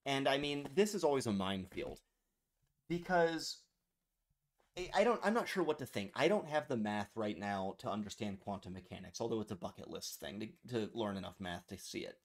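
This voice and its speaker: A man's voice: fairly low pitch, animated, fairly quick. A man co-hosting a podcast in casual chat about a book, rambling with self-deprecating, profane humor. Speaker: podcast co-host.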